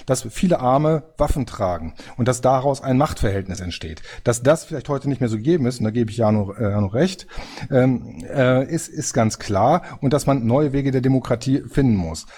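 A man's voice: mid-range voice, lively intonation, moderate pace, mellow, husky. A man in a panel discussion, speaking up from the audience with an earnest, lecturing manner and frequent restarts. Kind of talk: spontaneous debate statement.

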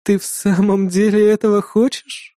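A domineering, sly demoness from an audiobook, voiced by a man, drawling her words slowly with mocking authority. The voice sits a little higher and sounds mellow, recorded dry and close. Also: level tone, dry recording, close to an everyday voice. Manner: imperious, mocking, slow drawl. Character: commanding sly female demoness. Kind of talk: audiobook narration.

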